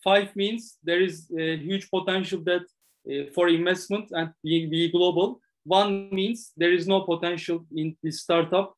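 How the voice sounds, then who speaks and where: A man moderating a pitch event as its host. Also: fairly even intonation, a little slow. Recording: faint background noise.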